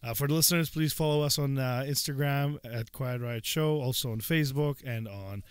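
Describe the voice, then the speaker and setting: A man's voice: medium pitch, brisk, clean tone, dry recording. A man hosting a podcast in casual chat, easygoing, with lots of fillers and laughter. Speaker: podcast host.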